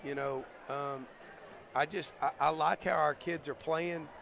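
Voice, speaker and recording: A male basketball coach, talking in a halting, thoughtful way with many fillers, his voice going hoarse, in a postgame interview. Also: a little high, fairly even intonation, a bit bright. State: losing his voice. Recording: crowd noise behind.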